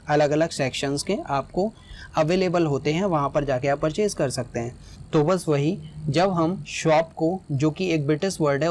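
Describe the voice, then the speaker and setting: Guy teaching a class, kinda high voice, keeps asking "right?" to check you follow. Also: a little mellow, slight background noise. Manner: explanatory, often checks in with "right?". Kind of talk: explaining a lesson.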